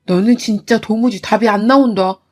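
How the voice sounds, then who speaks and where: A woman's voice: medium pitch, moderate pace, darkish tone, close to an everyday voice. A woman voicing an arrogant husband who orders his wife around, in a storytelling narration. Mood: contemptuous. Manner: bossy, contemptuous. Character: arrogant mama's-boy husband.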